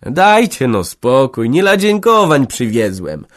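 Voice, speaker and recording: A man voicing a kindly old village man who jokes in a slow, drawn-out, loud voice. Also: medium pitch, animated, pitched above the performer's own voice, lightly acted. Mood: modest.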